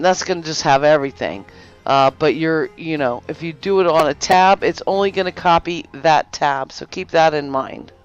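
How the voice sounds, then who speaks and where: Over gameplay, a woman with a deep, clean voice narrates a casual game guide tutorial. She rambles, corrects herself often, and leans heavily on fillers. The recording is slightly dull and lo-fi, with faint music underneath.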